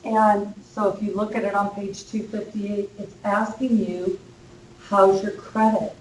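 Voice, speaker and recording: A woman college instructor gives a casual, chatty classroom lecture full of fillers while she's losing her voice. Her mid-range voice is a little mellow and a little slow, with a flat delivery. The echoey lecture room carries a faint hum.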